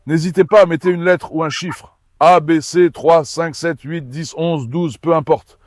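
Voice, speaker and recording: A man with a fairly high voice hosts a casual dog vlog, recorded dry and close. He coaxes his dogs with affection and pleads with his viewers. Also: steady tone, measured pace, a little mellow, no room sound. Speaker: dog breeder and vlog host.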